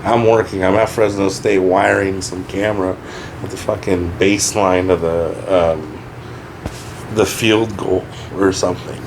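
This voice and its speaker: A man's voice: fairly low pitch, slight background noise, low-quality recording. A man, a rapper guest on a podcast, talking candidly and sombrely in casual conversation and swearing freely.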